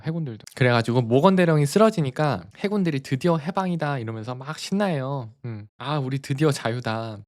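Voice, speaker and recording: A man's voice: medium pitch, a little mellow. A man casually retelling a cartoon story on a live stream, chatty and laughing often.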